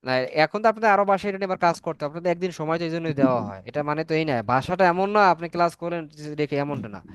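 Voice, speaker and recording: A man's voice: on the high side, animated, quick pace, clear, resonant tone, dry recording. Male teacher, dry close sound. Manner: coaxing, repetitive, asks students to answer. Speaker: spoken English teacher. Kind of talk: online class lecture.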